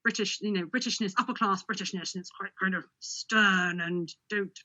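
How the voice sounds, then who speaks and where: A woman's voice: mid-range voice, fairly even intonation, normal speed, bright, forceful tone, dull audio. A woman who grew up in Hawaii, chatting casually as a guest, laughing often and restarting her sentences. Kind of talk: casual conversational storytelling.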